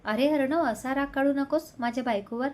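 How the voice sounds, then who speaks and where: A woman's voice: sits high, a little fast, darkish tone, close to an everyday voice. A woman reading the part of a smug, scheming young man in a spoken love story, with a sneering, theatrical tone.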